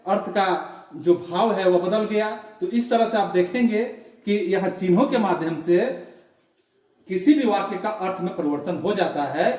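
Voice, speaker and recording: A man teaching a grammar lesson in a classroom, explaining slowly and repeating his examples. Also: sits high, a little mellow. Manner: slow, repetitive explaining with examples. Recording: very echoey room, voice from far off.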